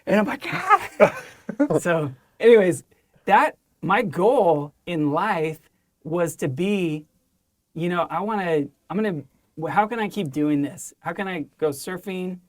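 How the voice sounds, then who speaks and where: A man's voice: high voice, unhurried. A middle-aged man hosting a podcast, telling stories in casual chat and laughing often. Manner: laughing, excitable storyteller. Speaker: podcast host.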